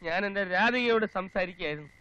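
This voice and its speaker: A scheming small-time thief talks fast and wheedles his way out of trouble. His voice runs fairly high. The film audio is a little muffled. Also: pushed and bright, smooth. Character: scheming young male petty thief. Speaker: petty thief, pupil. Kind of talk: slapstick film comedy.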